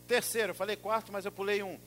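High, bright-voiced emphatic male preacher. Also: flat delivery, fast, faint music behind. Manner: emphatic, rising to loud exclamations and dropping to soft asides. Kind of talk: sermon.

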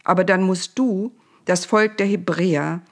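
A woman's voice: fairly low pitch, unhurried. A woman voicing Moses, a stern, solemn male prophet, in a children's Bible storybook reading.

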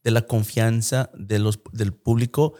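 A man with a fairly low-pitched voice leads a casual political discussion. He lays out his analysis in Spanish and slips into Spanglish with small English connecting words. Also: fairly even intonation, measured pace, warm tone.

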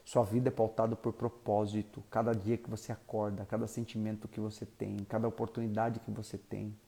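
A man preaching, his voice gravelly and mellow. He tells the story lively, rising loud and then dropping soft to drive his point home. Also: lowish voice, a little fast. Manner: animated, swings from loud to soft. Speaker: pastor. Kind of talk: storytelling sermon.

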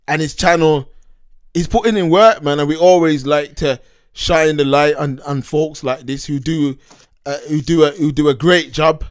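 A man with a London accent hosting a casual, slangy interview in a halting, rephrasing way. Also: a little high, fairly even intonation, no room sound, clean studio sound. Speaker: host.

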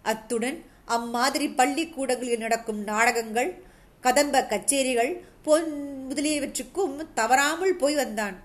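A woman reading a novel aloud as a narrator, in a steady storytelling manner with occasional restarts. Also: high voice.

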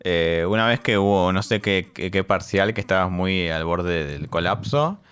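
Young man, Rioplatense accent, very low voice, smooth and clear, joking. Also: moderate pace, fairly bright tone. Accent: Rioplatense Spanish. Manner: joking, teasing. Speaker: podcast co-host. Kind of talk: casual chat.

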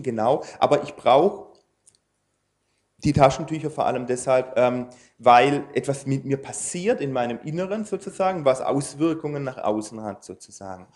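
A man delivers a sermon in an everyday, conversational manner at a medium pitch. He talks informally and often hesitates, dropping in fillers and tag questions as he works through his slides. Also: a little mellow. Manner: speaks to an audience using slides. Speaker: preacher.

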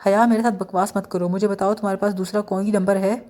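A woman's voice: medium pitch, little pitch movement, a little mellow, natural voice. A woman voicing a stern, angry older uncle who scolds his niece on the phone. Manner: harsh, scolding.

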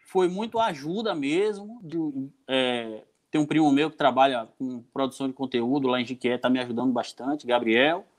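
A man's voice: mid-range voice, moderate pace, hardly any pauses. A man with a northeastern Brazilian Portuguese accent, chatting casually in an informal, slangy way. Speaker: podcaster guest. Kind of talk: casual chat.

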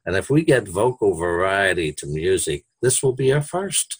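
A man's voice: low-pitched, big pitch swings, normal speed, husky, no room sound. A man hosting a casual interview, asking curious, playful questions. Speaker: podcast host.

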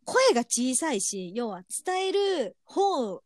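A woman's voice: sits high, slow, dry recording, studio quality. A woman, chatting casually as a podcast co-host and telling stories bluntly. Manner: blunt, animated storytelling. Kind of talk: casual chat.

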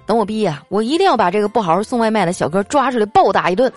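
Rapid-fire and very animated, a woman with a mid-range voice reads listener jokes on her comic podcast over light background music. She keeps it playful, laughs frequently, and performs quoted lines in a raised voice.

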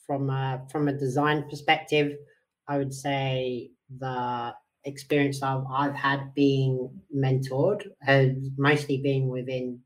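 A man co-hosts a podcast in casual, conversational talk. He has a thick London British accent with a hint of Australian, and an average-pitched voice. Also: little pitch movement, slow pace, rough recording. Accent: London British with a tinge of Australian. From London, England. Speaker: podcast co-host and designer.

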